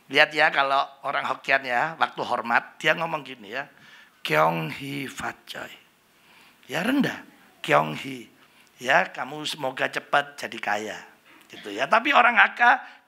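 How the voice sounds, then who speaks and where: A man's voice: on the high side, expressive, normal speed, creaky, pushed and bright. A middle-aged man preaching a humorous sermon in a church, chatty and joking. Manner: chatty, joking, slips into Javanese, mimics Chinese greetings. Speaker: pastor. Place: church hall.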